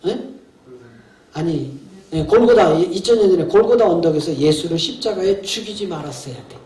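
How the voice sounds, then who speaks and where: A man's voice: high voice, normal speed, dark tone. A man preaching as a pastor at a seminar, talking colloquially and emphatically, often asking his audience rhetorical questions. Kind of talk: sermon. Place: seminar hall. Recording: echoey hall from far off.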